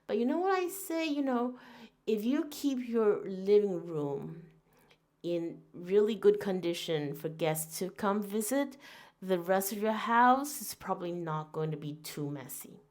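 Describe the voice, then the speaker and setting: A woman's voice: mid-range voice, lively intonation, unhurried, darkish tone. A woman in her forties from Taiwan, hosting a podcast with an earnest, reflective monologue full of fillers and restarts. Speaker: podcast host.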